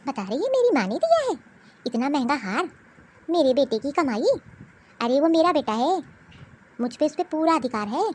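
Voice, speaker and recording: A woman's voice: sits high, very animated, moderate pace, pauses often, a little mellow. A woman voicing a domineering older mother-in-law in a cartoon, with a harsh, taunting, commanding manner. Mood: scolding. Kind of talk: cartoon voice acting.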